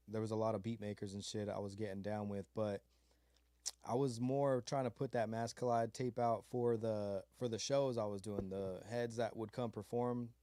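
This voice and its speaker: In a relaxed interview chat, this Mojave desert beat maker from California, a grown man with a child, meanders along using lots of slang and filler words. The recording is dry, and his voice is fairly low and mellow.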